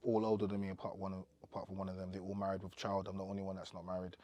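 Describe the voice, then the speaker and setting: A young man, on as a podcast guest and telling his story in loose, easygoing chat. His voice sits low, and the sound is dry and close with almost no room around it. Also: racing, dry recording. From Cameroon. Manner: relaxed, rambling storytelling with many fillers. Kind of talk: casual interview chat.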